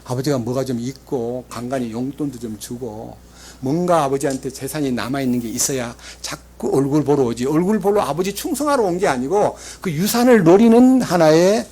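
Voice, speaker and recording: A male pastor preaching a sermon in an animated storytelling manner, swinging between loud emphasis and quiet asides. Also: medium pitch, moderate pace, a little hiss or hum.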